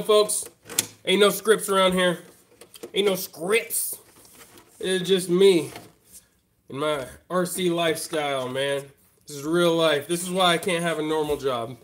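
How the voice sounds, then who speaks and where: Working at his hobby bench, a man talks easily with live-stream viewers, his high voice blocked up by a head cold. His manner is relaxed and chatty, speaking straight to the audience, and there's a little hiss or hum on the recording.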